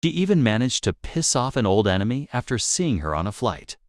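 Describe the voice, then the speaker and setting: A man's voice: mid-range voice, big pitch swings, fairly quick. A man narrating celebrity gossip for his show in a wry, teasing way.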